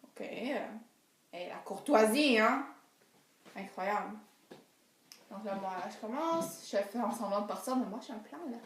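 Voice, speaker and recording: A young woman performing a comic monologue, animated, swinging from hushed asides to excited cries. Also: medium pitch, measured pace, pauses often, distant mic. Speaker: storyteller. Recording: roomy echo.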